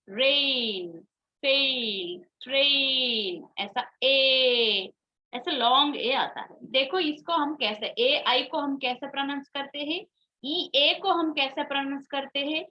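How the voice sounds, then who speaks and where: A woman teacher giving an online phonics lesson to young children, drawing out each vowel sound slowly and calling her pupils affectionately. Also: high-pitched. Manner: slow, drawn-out vowel demonstrations, calls pupils "beta". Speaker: schoolteacher. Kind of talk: online English phonics class. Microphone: video call. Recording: dull lo-fi video-call audio.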